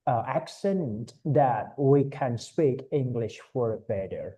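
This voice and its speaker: A man's voice: medium pitch, drawn-out words, slightly rough. A man teaching an online speaking class as a tutor, talking casually and mixing English words into his speech. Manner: relaxed, mixes English words into Thai. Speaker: IELTS tutor. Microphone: online call.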